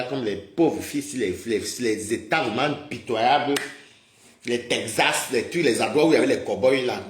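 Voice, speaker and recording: A man's voice: mid-range voice, a little hiss or hum. An agitated man hosting a livestream, scolding and mocking his viewers in a heated rant and calling them maman. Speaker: livestream host. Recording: roomy echoey sound.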